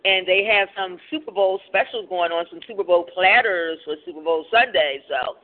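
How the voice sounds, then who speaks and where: A woman's voice: lowish voice, moderate pace. A woman hosting a casual live radio call-in show, eating as she talks. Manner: eating while talking. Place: restaurant, live remote broadcast. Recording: narrow, phone-like remote broadcast line.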